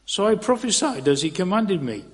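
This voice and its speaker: A man reading scripture aloud in a church, deliberate and expressive, at a pulpit microphone. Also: sits high. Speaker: scripture reader. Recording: long church reverb.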